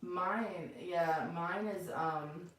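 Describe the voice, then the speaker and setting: The voice is a middle-aged woman's, sitting a little low in pitch. She talks off the cuff to her livestream viewers in a casual, chatty way. The room rings with heavy echo and she sounds distant from the microphone. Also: very slow. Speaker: livestream host. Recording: very echoey room, far from mic.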